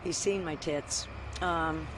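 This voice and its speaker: Casual woman interviewee in loud street noise. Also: deep voice, steady tone, slow. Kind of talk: casual chat. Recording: very noisy outdoor interview.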